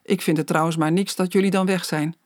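This is a fussy, caring old grandmother in an audiobook, as a reader puts her on. She speaks softly and anxiously at a middle pitch. The recording is dry and close, with no room sound. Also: fairly even intonation, brisk, no echo, lightly acted. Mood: fretful. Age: older. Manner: soft, fretful.

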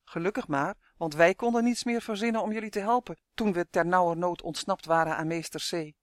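A man voicing a cheeky little male elf who chatters on quickly. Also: high-pitched, no room sound, clean studio sound, close to an everyday voice. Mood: chattering.

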